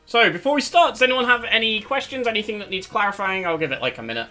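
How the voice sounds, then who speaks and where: A young man talks fast in a high, pushed, bright voice with lively intonation while hosting a live stream. He is chatty and rambling, correcting himself often, and his voice cracks as he loses it. There is faint music in the background.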